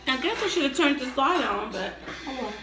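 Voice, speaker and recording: A woman hosting a casual mukbang chat at home, relaxed and laughing often as she talks between bites. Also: high voice, a little fast, over loud music. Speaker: vlog host and mother. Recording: echoey room with faint background noise.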